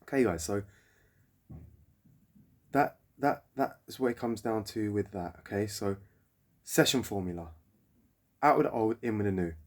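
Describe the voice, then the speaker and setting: A man's voice: on the low side, expressive, moderate pace, long pauses. A man, a jiu-jitsu coach ranting bluntly to his viewers, swearing often and tagging his points with "yeah?". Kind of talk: blunt motivational talk to camera.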